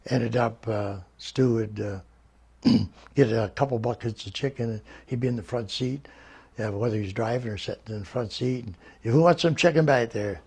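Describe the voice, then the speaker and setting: A man's voice: lowish voice, fairly even intonation, normal speed, gravelly, mellow, husky. An older man, a retired wrestler, reminiscing in an interview, rambling through stories and laughing often.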